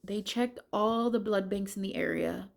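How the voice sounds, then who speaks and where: A woman with a voice of ordinary pitch tells her personal faith testimony. She speaks earnestly and with feeling, and she often stumbles and restarts mid-sentence as she recounts it. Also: normal speed, vocal fry. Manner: earnest, emotional retelling with many restarts.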